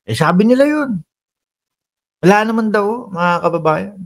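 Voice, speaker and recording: A man from the Philippines giving casual, animated political commentary over clips, switching between Tagalog and English and laughing often. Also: sits high, moderate pace, background noise.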